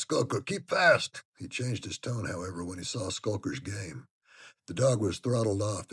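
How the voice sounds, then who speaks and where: A man giving an expressive first-person dramatic reading of a classic novel. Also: on the low side, slightly rough. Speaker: audiobook reader.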